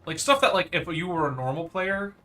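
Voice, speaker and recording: A man's voice: on the high side, animated, brisk, pushed and bright, faint music behind. A young man chatting casually on a gaming stream, rambling and teasing his friend, full of fillers and restarts.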